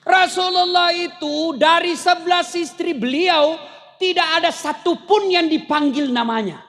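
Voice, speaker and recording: Man, high pitch, joking sermon, story-telling, asides to the audience. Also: unhurried, fairly bright tone. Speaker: preacher. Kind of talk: humorous sermon.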